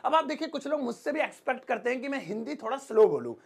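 A man with a Hindi accent teaching spoken English in a fast, joking way, often acting out sample lines. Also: extremely high pitch, very animated, creaky, slightly rough. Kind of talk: energetic spoken-English lesson.

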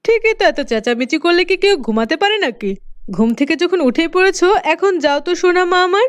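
A spiteful cartoon stepmother snaps and sneers in a high voice. The recording is dry and close, with no room sound. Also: expressive, normal speed, no echo. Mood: doting. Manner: sharp, sneering scolding. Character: cruel scolding stepmother, middle-aged woman. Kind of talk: cartoon voice acting.

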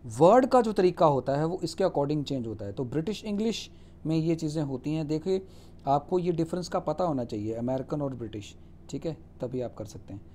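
Male teacher, mellow and fairly high voice, explains spelling rules step by step. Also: lively intonation, slight background noise. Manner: spells words out letter by letter and checks with "ठीक है?"; reads English rules aloud slowly, then explains them in Hindi. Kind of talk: Hindi lecture on English spelling rules.

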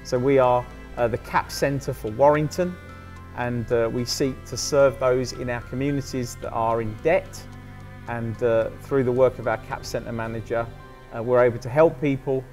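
A man's voice: mid-range voice, steady tone, moderate pace, darkish tone, faint music behind. A man, a church leader, explaining his church's outreach steadily. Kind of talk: documentary interview.

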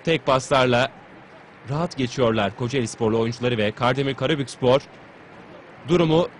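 A man's voice: medium pitch, fairly quick. A man giving live commentary on a football match.

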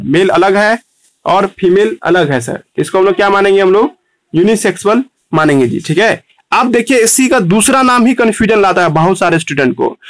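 A man teaching a biology class online. He repeats key terms and keeps checking in with "है ना". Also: sits high. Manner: repetitive, tags lines with "है ना"; pauses to fix board writing.

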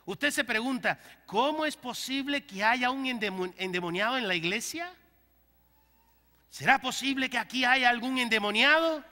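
A male pastor preaching a sermon to his congregation, leading call-and-response and breaking into loud bursts. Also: extremely high pitch, expressive, moderate pace, big-room sound.

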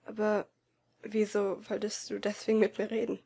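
A timid teenage boy, hurt and withdrawn, murmurs his words, as a woman reads him in a storybook audiobook. He speaks hushed and hesitant and often drops to a near whisper. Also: a little high, fairly even intonation, slow pace, slightly rough, heavily acted. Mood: uneasy. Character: anxious shy teenage boy, quiet and hurt. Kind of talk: amateur audiobook reading.

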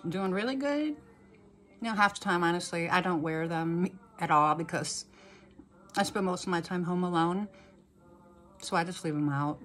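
A woman's voice: fairly low pitch, a bit bright, slight background noise. A woman vlogging casually at home while wearing new dentures, with a slight lisp and a chatty, rambling way of talking. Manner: chatty, rambling, speaks slowly at times. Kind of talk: casual chat to camera.

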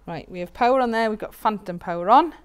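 Setting up PA equipment in a large, bright community hall room, a British woman who vlogs and does band sound gives casual instructions. She talks fast in a fairly high, clean-toned voice.

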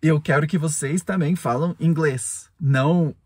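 A man's voice: fairly high pitch, steady tone, a little slow, darkish tone, husky, no echo. A man, a native English speaker, gives an earnest, casual spoken lesson as a podcast host, chuckling often and ending points with tag questions.

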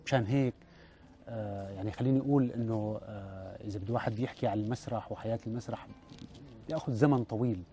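Give me a Syrian playwright pausing often as he reflects, with a faint music bed behind. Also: on the low side, mellow. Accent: Syrian Arabic. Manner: hesitant, many pauses and fillers. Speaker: playwright and theatre director, interview guest. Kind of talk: reflective interview talk.

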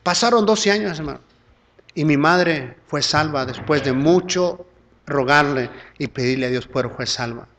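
A male pastor preaching a live church sermon, swinging between loud fervent peaks and hushed low pleading, constantly calling listeners "brother". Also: moderate pace, a little hiss or hum. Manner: addresses the congregation as "hermano" constantly.

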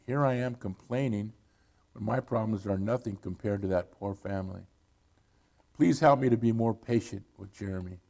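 A gently earnest woman schoolteacher, as a male preacher reads her lines, speaking soft and measured. The voice has a low gravelly edge throughout.

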